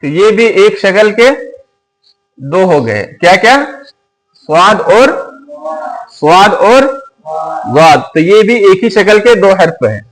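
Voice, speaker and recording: A man teaching Quran letters, asking questions and repeating each letter slowly and patiently. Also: high voice, lively intonation, a bit bright, low-quality recording.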